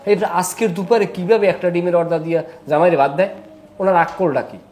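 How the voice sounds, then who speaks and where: A man's voice: high voice, fairly even intonation, quick pace, natural voice. A man playing a grumbling new son-in-law. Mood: indignant. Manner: complaining, sarcastic, rising to loud outbursts. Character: grumbling young male son-in-law, aggrieved. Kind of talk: village comedy drama acting.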